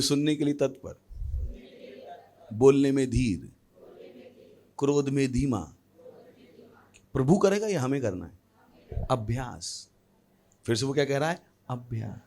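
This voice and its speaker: A male pastor preaching a sermon, lively with humorous asides and questions thrown to the congregation. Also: mid-range voice, a little slow, long pauses. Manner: animated preaching with humorous asides and acted voices.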